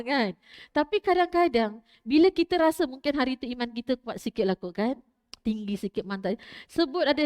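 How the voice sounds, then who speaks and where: Malaysian ustazah lady, middle-aged, chatty religious talk, keeps asking "ya? kan?", smooth and a bit high. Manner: conversational, checks in often with "ya" and "kan". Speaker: religious teacher. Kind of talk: religious talk to a women's gathering. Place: prayer hall.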